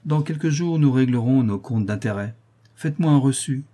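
A man's voice: mid-range voice, moderate pace, warm tone, lightly acted. A man doing a cold, ironic old notary. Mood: curt. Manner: dry and ironic. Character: cold, stern older male notary.

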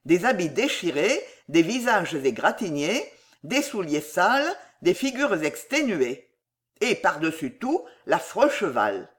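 An audiobook narrator reads a classic novel with an animated, widely varying pitch. The delivery is expressive and storyteller-like throughout. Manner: lively expressive reading.

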